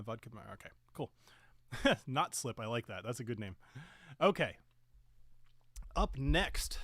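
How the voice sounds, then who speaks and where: A man's voice: on the high side, fairly bright tone, a little hiss or hum. A man hosting a casual live-stream whiskey tasting, rambling with fillers and self-corrections and sometimes talking with his mouth full. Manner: talks while chewing and sipping.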